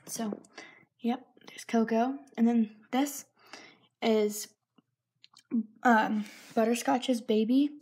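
Holding her phone while filming indoors at home, a young girl vlogger chats casually through a tour of her toy horse barn, now and then dropping to a whisper. The woman's voice is medium-pitched and slightly mellow, with a little hiss or hum in the recording.

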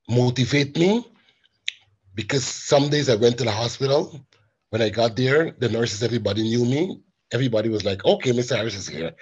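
A man's voice: fairly low pitch, husky, lo-fi sound. A man speaking as a caregiver, giving a heartfelt personal testimony in a webinar, his voice breaking with tears as he recalls dialogue. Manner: heartfelt, acts out quoted dialogue. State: tearful, voice breaking. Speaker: caregiver sharing his story.

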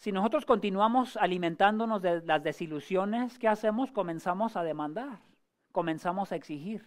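Conversational pastor preaching with questions. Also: male voice, sits high, moderate pace. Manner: frequent hesitations and restarts. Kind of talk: sermon.

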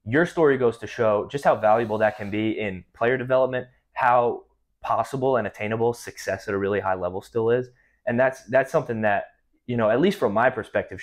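A man's voice: fairly low pitch, brisk. A young man hosting a podcast interview in a small studio room, asking long, thoughtful questions. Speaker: podcast host. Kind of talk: casual interview.

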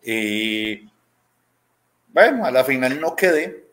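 Speaking slowly in a mid-range, slightly bright voice with big pitch swings, this man in his thirties tells casual stories during an interview. He's a robotics teacher from Medellín with a Colombian accent, on a video call indoors in a small room at home, acting out dialogue and frequently tagging lines with "¿cierto?".

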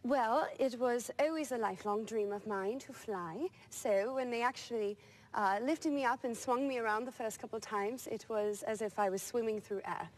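An actress playing a polite, proper, cheerful nanny in a live TV interview. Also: female voice, a little high, normal speed, slight background noise, natural voice, poor audio. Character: cheerful prim nanny, adult woman. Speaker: stage actress in character.

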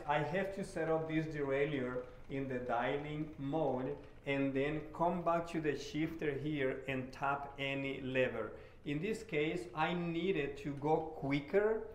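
A man, a bike shop mechanic giving a relaxed hands-on repair tutorial in a shop showroom. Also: fairly high pitch, reverberant, a little hiss or hum. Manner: relaxed and friendly, with many "uh" fillers.

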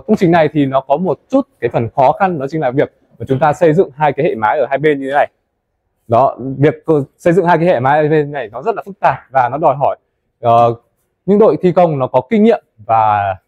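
A young man presenting a tour of a café building site, talking quickly and chattily to viewers, recorded on a lapel mic inside a large wooden building. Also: fairly high pitch, lively intonation, no room sound, narrow, tinny audio. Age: young adult. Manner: fast, chatty, addresses viewers as "mọi người". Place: indoors in a large wooden café under construction.

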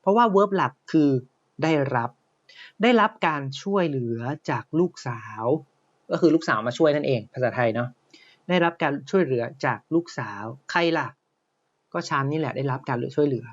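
A man's voice: on the high side, lively intonation, moderate pace, muffled recording. A Thai man with a slight Isan accent teaching a Japanese lesson online, explaining step by step and often checking that listeners follow. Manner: explains step by step, often says "นะครับ" and asks "ใช่ไหม".

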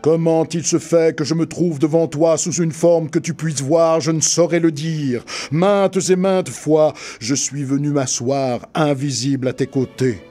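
A man's voice: on the high side, steady tone, unhurried, few pauses, warm tone, soft background music, pitched above the performer's own voice. A man voicing an anguished, remorseful old male ghost in chains, declaiming vehemently. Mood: grave.

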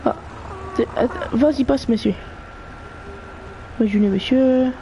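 Excitable gamer. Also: mid-range voice, slight background noise. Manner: excitable, cheering teammates on rapidly; sprinkles in English gaming slang and swearing. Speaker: gamer playing with friends. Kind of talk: live gameplay chatter.

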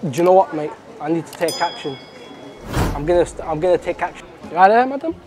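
A man's voice: fairly high pitch, lively intonation, fast, a crowd in the background. A man in his twenties with a London roadman accent, doing brash, slangy prank banter in a casual vlog style. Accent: London, urban roadman slang style. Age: 20s. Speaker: prank vlogger. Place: large clothing store and shopping centre.

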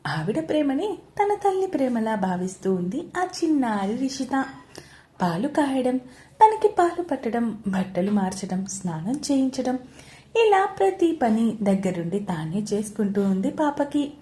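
A woman storyteller reading a serialized romance story aloud in a steady, expressive way. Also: fairly high pitch, measured pace.

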